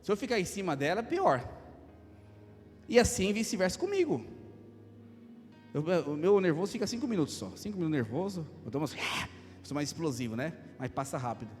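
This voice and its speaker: A Brazilian man in his thirties, a pastor preaching a lively sermon with jokes and acted asides. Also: a little high, a little fast, long pauses. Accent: Brazilian Portuguese. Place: church hall. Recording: long hall reverb, faint music.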